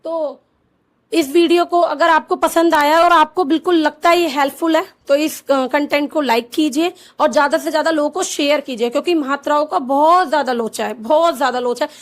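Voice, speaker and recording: A woman teaching a lesson to camera, explaining slowly and repeating sounds, often asking a question and answering it herself. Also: high-pitched. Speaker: Hindi teacher.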